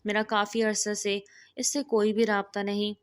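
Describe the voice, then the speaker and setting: A woman's voice: medium pitch, monotone, smooth, close to an everyday voice. A woman reading the lines of an anxious young bride in a storybook, sorrowful and resigned. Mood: sad.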